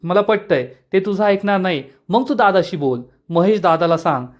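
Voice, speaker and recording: A man's voice: high voice, animated, normal speed. Male reader as a scheming young woman, persuasive and pleading.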